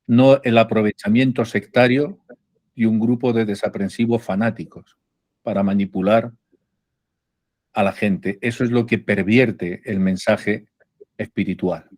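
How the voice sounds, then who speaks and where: Slow, emphatic Spanish man preaching. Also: lowish voice, fairly even intonation, darkish tone, no room sound, clean studio sound. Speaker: spiritual teacher. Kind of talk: spiritual class talk.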